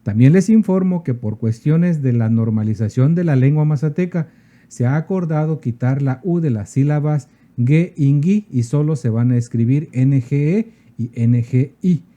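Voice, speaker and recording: A man's voice: mid-range voice, normal speed, dark tone. A man giving a patient spoken lesson on the spelling and tones of his native language, walking through many word examples. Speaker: teacher of a native language's alphabet.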